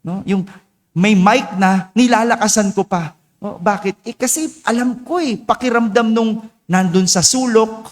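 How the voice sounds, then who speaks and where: A Filipino priest with a high voice and a slightly hoarse edge preaches in a conversational way, checking in with his listeners again and again. His voice rings with the long reverb of a large church hall. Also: unhurried. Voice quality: hoarse after vocal cord surgery. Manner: conversational, keeps asking "no?" and "di ba?". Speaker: parish priest. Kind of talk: sermon.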